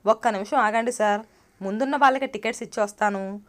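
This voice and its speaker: Patient bus conductor lady, courteous, gentle, voiced by the storyteller herself. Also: mid-range voice, fast talker, close to an everyday voice. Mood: polite, patient.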